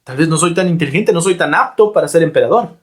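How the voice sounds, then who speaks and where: A man doing a hushed, fretful emperor. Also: a little high, lively intonation, quick pace, natural voice. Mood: worried whisper. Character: vain male emperor doubting himself.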